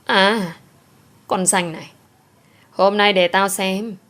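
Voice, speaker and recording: A woman's voice: mid-range voice, steady tone, slow, a bit bright. Woman voicing a harsh scolding stepmother. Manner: harsh, berating. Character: cruel scolding middle-aged stepmother.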